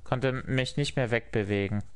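A man chatting casually as he streams a game, phrasing things haltingly. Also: mid-range voice, clean tone. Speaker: gaming streamer. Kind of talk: casual gameplay chat.

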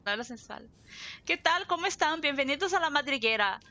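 Streaming a game live, this southern Brazilian woman, whose first language is Portuguese, talks a lot and laughs easily in casual chat. Her voice sits high and sounds animated and sharp, she speaks briskly, and the sound is lo-fi.

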